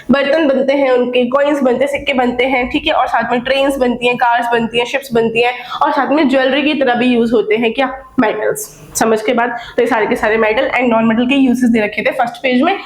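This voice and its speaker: A young woman teacher giving a brisk, exam-focused classroom lecture, often checking in with her students, while coughing from a slight cold. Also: fairly high pitch, echoey room, poor audio. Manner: brisk, addresses students as beta and bhai, checks with "theek hai?".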